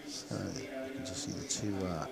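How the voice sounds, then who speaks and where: A man's voice: sits low, expressive, normal speed, vocal fry. A man with an English West Country accent giving chatty, informal live speedway commentary, thinking aloud as he goes. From West Country, England. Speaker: speedway commentator and stream host. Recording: crowd noise at outdoor venue. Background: speedway stadium crowd.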